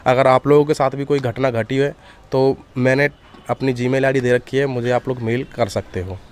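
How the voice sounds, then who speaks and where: A man's voice: mid-range voice, fairly even intonation, normal speed. Casual man telling ghost stories. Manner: conversational, addresses listeners as "bhai". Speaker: horror story YouTuber. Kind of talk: casual storytelling to viewers.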